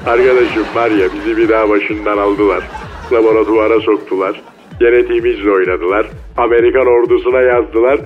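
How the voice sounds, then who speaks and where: A man's voice: lowish voice, fairly even intonation, brisk, soft background music. A man voicing a cocky, slangy male mole cricket who speaks over a phone line in a comedy radio sketch. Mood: lecturing. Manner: slangy, boastful, taunting street talk. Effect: heard over a phone line.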